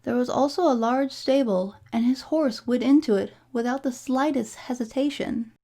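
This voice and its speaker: A woman narrating a fairy tale from a storybook in a measured, formal storytelling delivery. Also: fairly high pitch, dark tone. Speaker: storybook reader.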